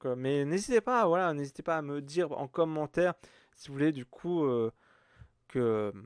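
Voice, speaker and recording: A man's voice: on the high side, smooth, no room sound, clean studio sound. A man hosting a casual podcast, talking hesitantly with many fillers and restarts. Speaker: podcast host. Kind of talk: casual chat.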